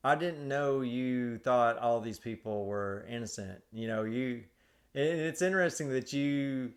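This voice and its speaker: Slow, halting man in a debate. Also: mid-range voice. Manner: halting, many restarts and fillers. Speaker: podcast co-host. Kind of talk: casual debate.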